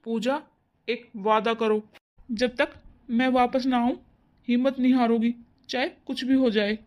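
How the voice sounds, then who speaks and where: A woman voicing a caring young husband in a cartoon story, speaking gently and reassuringly. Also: on the high side, fairly even intonation, measured pace, lightly acted.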